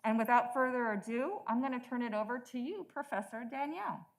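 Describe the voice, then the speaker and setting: A woman's voice: a little high, a little fast. A woman speaking through a face mask as a moderator, reading prepared introductions at a formal event.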